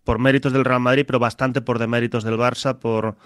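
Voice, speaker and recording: A man giving his view in a radio sports debate, measured and reflective, often hesitating before he goes on. His voice is smooth and resonant. It is recorded close and dry. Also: mid-range voice, level tone, dry recording. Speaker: sports pundit.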